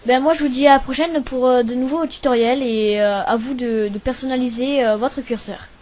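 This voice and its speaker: Young woman, high-pitched, casual tutorial host, hesitant, computer mic. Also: steady tone, normal speed, darkish tone. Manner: hesitant, many fillers and restarts. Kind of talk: casual screen-recording tutorial.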